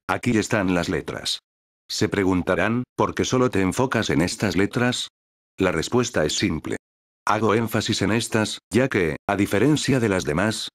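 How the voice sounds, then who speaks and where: A male text-to-speech voice reading a scripted educational narration in an even, synthetic cadence. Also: low voice, no echo, studio quality.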